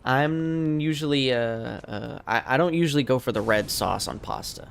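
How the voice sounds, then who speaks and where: A man's voice: mid-range voice, moderate pace, gravelly, a little hiss or hum. A man from the United States chatting casually with viewers on a late-night game stream, tired and losing his voice. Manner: laid-back, rambling, chatting to viewers. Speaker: streamer and language teacher. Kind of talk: casual livestream chat while gaming.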